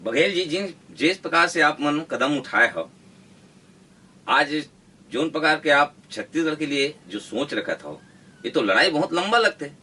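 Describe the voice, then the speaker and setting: A man interviewing, asking long halting questions. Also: a little high, very animated, bright, forceful tone, husky, far from the mic.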